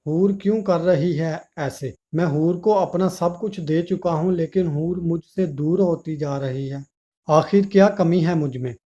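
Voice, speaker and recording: An earnest young husband who speaks tenderly and pleads when hurt, as a male storyteller puts him on. The voice sits fairly high but sounds warm and mellow, and the recording is dull and lo-fi. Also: a little slow, natural voice.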